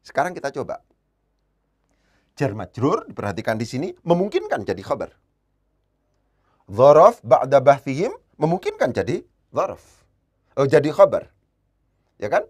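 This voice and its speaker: A man teaching Arabic grammar in a classroom lesson, repeating key phrases and slowing down to spell out Arabic words. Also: mid-range voice, huge pitch swings, darkish tone, breathy edge.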